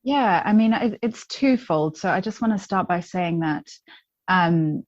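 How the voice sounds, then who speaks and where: A woman's voice: fairly low pitch, expressive, measured pace, dry recording, highs cut off. A woman, a coach, talking as a guest in a casual interview, chatty and candid with frequent ums and restarts. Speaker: guest, positive psychology coach.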